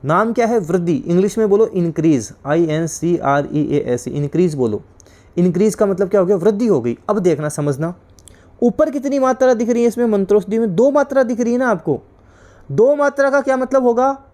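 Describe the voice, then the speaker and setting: A man's voice: lively intonation, normal speed. A male teacher from India giving an exam-prep class, explaining each point, repeating it and quizzing his students with questions. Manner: drops to a low, quiet voice on each corrected word.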